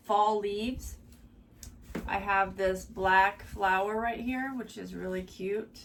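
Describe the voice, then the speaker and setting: An upbeat woman talks through a craft project in a relaxed, chatty way, her voice slightly hoarse. She sits a bit back from the mic, with a faint hiss of noise behind her. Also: medium pitch, distant mic. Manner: chatty and upbeat, gushing over how cute things are. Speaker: craft tutorial host. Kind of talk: casual craft demonstration.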